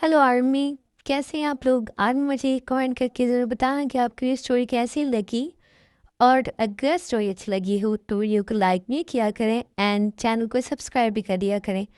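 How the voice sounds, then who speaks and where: A woman's voice: a little high, steady tone, moderate pace, darkish tone, clear, resonant tone, no echo, studio quality. Chatty woman channel host. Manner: friendly, chatty, mixes English words. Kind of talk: casual sign-off to viewers.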